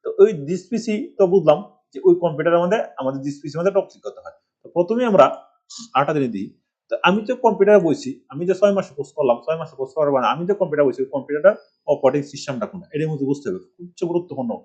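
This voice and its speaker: A man's voice: fairly high pitch, animated, very fast, darkish tone, dull audio. A middle-aged man from Bangladesh teaching a rambling computer tutorial, asking rhetorical questions as he goes. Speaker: computer course instructor. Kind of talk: screen-recorded computer tutorial. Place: village home.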